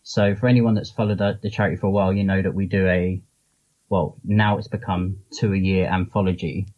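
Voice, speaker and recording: A comics publisher and charity founder, interviewed as a guest, talks informally in loose, wandering explanations. He speaks a little fast in a low, level voice, and the recording sounds muffled.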